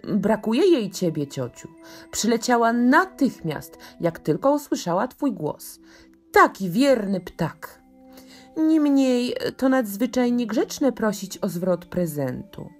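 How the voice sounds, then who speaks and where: A woman doing a nervous storybook king, hurried and anxious, slow, lively pitch. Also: faint music behind, full character voice. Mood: flustered. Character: flustered timid young king.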